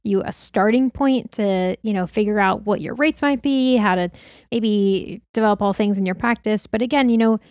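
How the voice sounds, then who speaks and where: A woman's voice: mid-range voice, moderate pace, a little mellow, no room sound. Casual woman podcaster, dry close sound. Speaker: podcast co-host and practitioner sharing advice. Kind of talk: casual advice chat.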